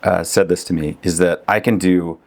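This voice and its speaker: A man's voice: low voice, fairly even intonation, normal speed, creaky, darkish tone. A middle-aged man, a real estate agent, talking casually as a podcast guest, with lots of fillers and frequent laughs. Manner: conversational, laughs often, many fillers.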